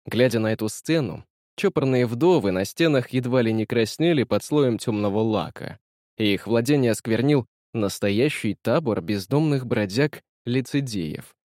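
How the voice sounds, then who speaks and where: A man reading a classic novel aloud in a measured, expressive audiobook style. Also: medium pitch, no room sound, clean studio sound. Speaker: audiobook narrator.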